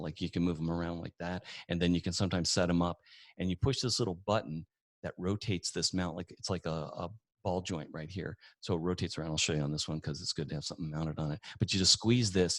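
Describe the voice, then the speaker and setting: A man's voice: low-pitched, no echo. A man giving a casual webinar lesson, chatty and folksy, telling anecdotes with acted-out dialogue. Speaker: webinar presenter.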